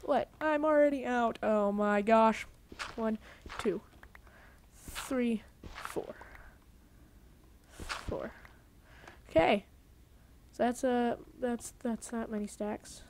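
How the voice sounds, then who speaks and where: Woman, gaming host, high-ish voice, rambling silly commentary packed with "like", bursts of excitement. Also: drawn-out words, pauses often, slight background noise. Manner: goofy, rambling, full of "like" fillers; jokey self-mockery, sudden excited outbursts. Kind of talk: casual gameplay commentary.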